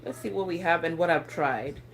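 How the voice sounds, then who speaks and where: This thirtysomething lifestyle host, who speaks English with a non-native accent, chats on a phone livestream while going through viewer comments, rambling, laughing, and fumbling words. Her voice is on the low side at a moderate pace, with slight background noise in a low-quality recording.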